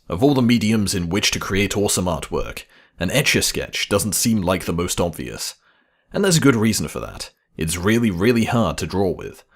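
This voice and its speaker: A man reading scripted narration for a list video in a playful, wry way. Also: on the low side.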